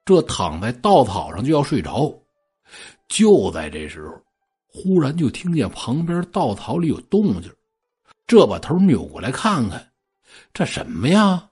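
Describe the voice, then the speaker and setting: A man narrates a spooky tale in a lively, colloquial storyteller style. His voice is husky, and his pitch rises and falls animatedly. Soft music plays faintly underneath. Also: a little slow. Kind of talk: oral ghost-story telling.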